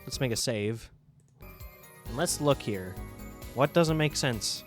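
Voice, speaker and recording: Casting note: laid-back male let's-play host mulling things over, game music clear behind. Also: mid-range voice, expressive, slow pace. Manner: casual, thinking aloud. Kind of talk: gameplay commentary.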